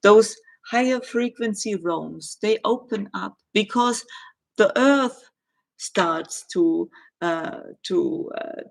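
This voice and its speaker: A middle-aged woman with a German accent, answering viewer questions in a live chat and pausing often with ums and uhs. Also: on the low side, creaky. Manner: hesitant, many ums and uhs, gentle.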